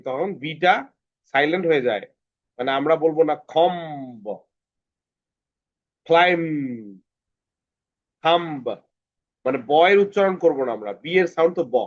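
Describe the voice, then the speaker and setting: A man with a Bangladeshi Bengali accent leads a kids' phonics class, patient and steady, saying each word slowly and again for the children to repeat. His voice sits a little high for a man, and the recording is dull and lo-fi. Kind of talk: online kids' phonics lesson.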